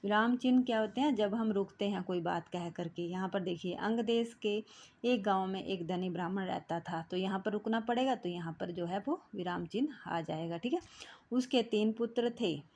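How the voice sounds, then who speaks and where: A woman teacher patiently working through a children's textbook exercise, often pausing to check in with her class. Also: mid-range voice, a little mellow. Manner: patient, repeats "ठीक है" between steps.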